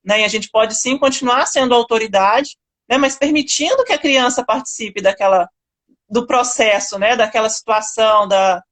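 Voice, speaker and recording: A Brazilian woman hosts the live stream in a calm, reflective way, her voice fairly high. She keeps checking in with little tag questions. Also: normal speed. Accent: Brazilian Portuguese. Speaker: kid coach, live host. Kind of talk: casual live-stream talk.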